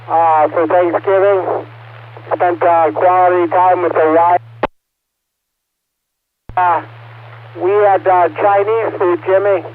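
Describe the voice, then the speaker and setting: A man checking in on an amateur radio net, heard over an intermittent transmission that keeps breaking up, talking in a relaxed, halting way with many fillers. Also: high voice. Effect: intermittent radio signal breaking up. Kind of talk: casual ham radio check-in. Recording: tinny, noisy ham radio transmission.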